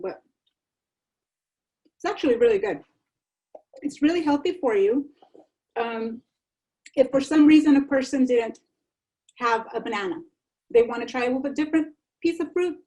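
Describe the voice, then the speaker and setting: High soft woman walking kids through a snack recipe on a video call, chatty and reassuring. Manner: chatty, reassuring, repeats herself. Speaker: enrichment instructor. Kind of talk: live online cooking demonstration.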